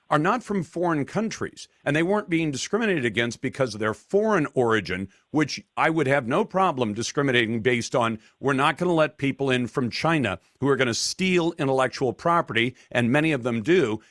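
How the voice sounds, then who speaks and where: A man's voice: mid-range voice, fairly bright tone, dry recording. A man hosting a talk radio show, emphatic and argumentative, speaking into a studio microphone. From Taiwan.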